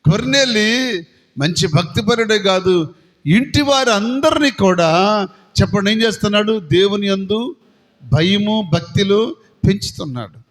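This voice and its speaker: A man's voice: sits high, expressive, measured pace, pauses often. A man preaching a sermon to a congregation. He asks them questions and acts out voices from the story. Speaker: pastor. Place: prayer hall. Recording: long hall reverb.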